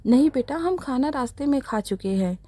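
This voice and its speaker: Motherly mom voice, woman reading, highish and mellow. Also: lively intonation, moderate pace, dry recording. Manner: affectionate, motherly. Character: warm middle-aged mother.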